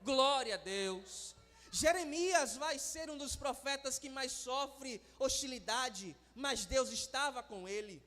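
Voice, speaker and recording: Male preacher, very high voice, fiery sermon delivery, long church reverb. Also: takes it slowly, hardly any pauses, faint music behind. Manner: impassioned preaching, rising to shouts and sung phrases.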